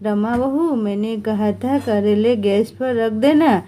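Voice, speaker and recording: Storybook part: exasperated middle-aged mother-in-law, read by a woman, fairly high and unhurried. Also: mellow, a little hiss or hum. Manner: exasperated scolding.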